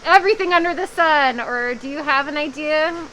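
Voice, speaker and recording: A woman's voice: high voice, normal speed, sharp tone, rough recording. A woman chatting casually and playfully as she hosts a warehouse tour from behind the camera. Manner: enthusiastic, playful. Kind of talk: casual chat. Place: large indoor warehouse. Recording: faint warehouse background noise.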